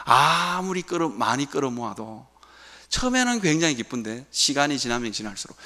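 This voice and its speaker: A man's voice: mid-range voice, a bit bright. A man preaching a sermon as a pastor, asking rhetorical questions and answering them himself. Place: church sanctuary.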